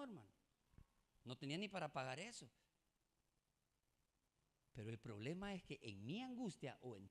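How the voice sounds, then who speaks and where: A Salvadoran-accented man preaches to his congregation with a fairly high voice. He talks to the room like a friend, calls them "hermano" again and again, and laughs at his own stories. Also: a bit bright. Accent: Salvadoran Spanish. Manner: conversational preaching, often addresses listeners as "hermano", laughs at his own jokes. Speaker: pastor. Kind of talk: sermon. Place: church.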